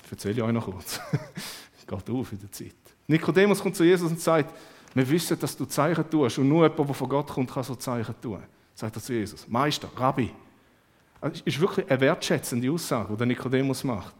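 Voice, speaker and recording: A man preaching a sermon, lively and emphatic, with sudden swings in loudness. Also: mid-range voice, brisk.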